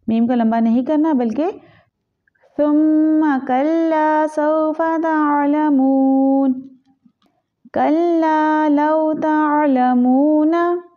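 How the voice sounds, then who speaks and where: Female tajweed teacher, high voice, slow drawn-out recitation, narrow tinny sound. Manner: recites each word slowly, then explains fast in a lower voice. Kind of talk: tajweed lesson, reciting slowly then explaining quickly. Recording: tinny phone-like audio.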